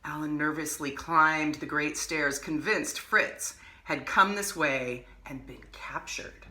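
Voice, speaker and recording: A woman hosting an art lesson, reading a picture book aloud with expressive, animated storytelling and casual asides. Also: deep voice, takes it slowly, echoey room. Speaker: art teacher and host.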